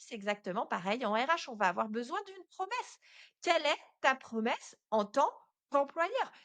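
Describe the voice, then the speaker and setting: A woman hosts a casual solo podcast, offering direct, chatty advice straight to the listener in a slightly high, bright, forceful voice. There is no echo on the recording.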